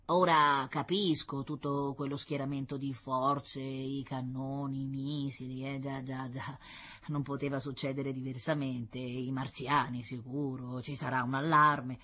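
A fretful, mysterious little old man from a storybook, put on by a woman reader. He talks slowly and mutters under his breath. The voice is husky. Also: very deep voice, fairly bright tone, exaggerated voice. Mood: dismayed. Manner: slow, murmuring, self-pitying.

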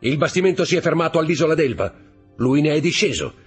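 A man's voice: on the high side, big pitch swings, fast, breathy edge, soft background music, pitched above the performer's own voice, exaggerated voice. A man voicing a scheming, cold-hearted male schemer with a raised, curt, dismissive delivery in a storybook reading. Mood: menacing.

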